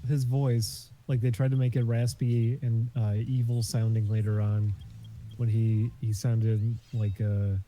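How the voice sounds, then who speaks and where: A man's voice: fairly low pitch, flat delivery, measured pace, dark tone, a little hiss or hum. A young man who is a guest, chatting casually about a game and often playfully quoting lines in put-on voices. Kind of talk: casual gameplay chat.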